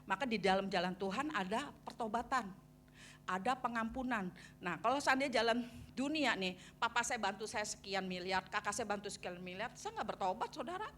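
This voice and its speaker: A middle-aged woman pastor, preaching a testimony in an animated storytelling way and acting out her past conversations for the congregation. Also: medium pitch, fairly quick, a little hiss or hum. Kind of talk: sermon testimony.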